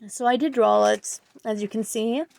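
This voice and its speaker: A woman's voice: on the high side, steady tone, moderate pace, creaky, darkish tone, dry recording. A woman talking casually over her drawing video, rambling and hesitant, full of fillers and self-corrections. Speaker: art channel creator, student.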